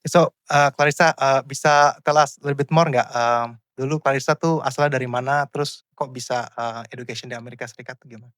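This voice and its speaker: A man's voice: medium pitch, fairly even intonation, brisk, few pauses, fairly bright tone, dry recording, studio quality. A man hosting an Indonesian podcast, interviewing a guest casually with many filler hums and English words mixed into his Indonesian. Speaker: podcast host.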